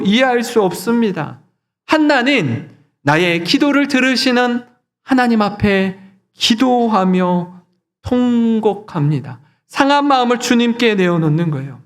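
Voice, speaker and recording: A man's voice: very high voice, animated, unhurried. A male pastor preaching a sermon earnestly, putting rhetorical questions to his congregation.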